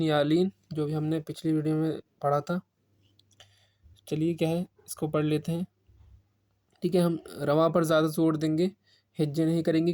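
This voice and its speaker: A man with a somewhat high voice teaches Quran reading. He talks quickly when he explains and keeps checking in with his viewers. He then slows right down to spell out and recite each syllable. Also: mellow.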